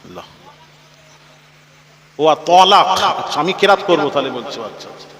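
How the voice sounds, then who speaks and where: A male preacher giving a lively Bengali sermon, acting out the stories he tells and calling his listeners "baba". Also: a little high, normal speed. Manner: animated storytelling, acting out quotes; addresses listeners fondly as "baba". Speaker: Islamic preacher. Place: large open-air religious gathering. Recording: echoey PA sound with crowd. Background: large crowd.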